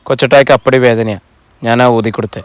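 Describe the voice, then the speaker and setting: A man's voice: mid-range voice, fairly even intonation, fast talker, no echo, close to an everyday voice. A man reading the lines of a chatty, innocent childlike girl in an audiobook, eager and self-important. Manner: eager, telling things with importance.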